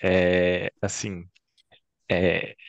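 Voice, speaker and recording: A man's voice: low-pitched, level tone, drawn-out words, vocal fry, no echo. A man with a Brazilian Portuguese accent hosting an online interview over a video call, talking hesitantly with many fillers. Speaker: host.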